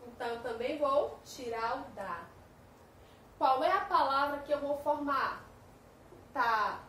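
A woman with a Brazilian Portuguese accent teaching a first-grade lesson, slowly sounding out syllables for young children. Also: high-pitched, fairly bright tone. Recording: echoey room with faint ambient noise.

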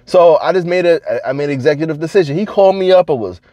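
A man vlogging to camera, telling stories in a casual, slangy, animated way and laughing between lines. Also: fairly high pitch, fast talker, no room sound, lo-fi sound.

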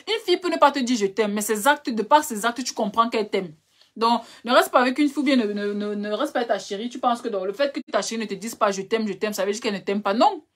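A young woman runs a live relationship advice session, reading out viewer questions and answering each one. She speaks fast and a little high, with a direct, chiding manner, calling her listeners brother and darling.

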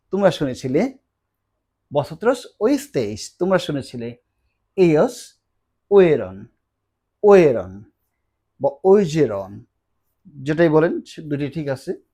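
A man whose first language is Bengali teaches Spanish in an online lesson, with a fairly high voice. He talks slowly and deliberately, repeating each verb form several times so learners can follow. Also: darkish tone. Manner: slow, repetitive drilling of verb forms.

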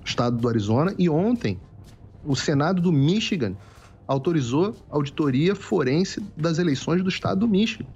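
A man's voice: a little high, expressive, brisk, a little mellow, slightly rough. A man speaking as a guest commentator on a political talk show, lecturing in an emphatic way and repeating key phrases, heard over dull, lo-fi remote-call audio.

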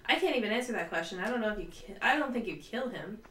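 A woman playing a video game and chatting casually at home, with quick asides and frequent laughs. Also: mid-range voice, expressive, a bit bright, reverberant, distant mic, slight background noise. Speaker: let's play player. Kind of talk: casual gameplay commentary. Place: home room with a cat.

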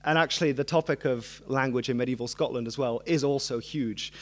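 A man's voice: mid-range voice, a little fast. A man, giving an informal, self-deprecating history lecture as a student speaker. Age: early 20s. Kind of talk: informal public talk with self-deprecating humour. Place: on stage in a hall before a seated audience. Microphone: microphone on a stand at a lectern.

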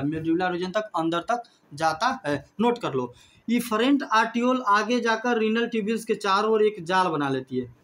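A man's voice: high voice, a bit bright. A man teaching a biology revision lesson, who keeps asking questions and answering them himself, repeating each term.

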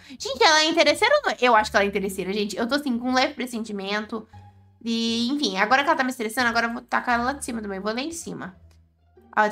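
Brazilian woman hosting a gaming channel, high bright voice, chatty and exclaiming, faint music under her. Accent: Brazilian Portuguese. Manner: chatty, exclaiming, talks to viewers. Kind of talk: casual gameplay commentary.

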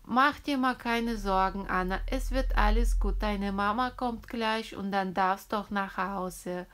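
A woman voicing a calm, brisk female emergency doctor in a children's toy-figure story, soothing and reassuring. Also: mid-range voice, clean tone, voice pushed down, natural voice.

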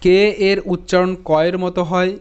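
A man teaching English phonics, spelling each word letter by letter and repeating it slowly, and checking in with his students. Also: sits high, completely flat delivery, smooth, dull audio. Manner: addresses students directly with "ঠিক আছে?". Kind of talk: phonics lesson.

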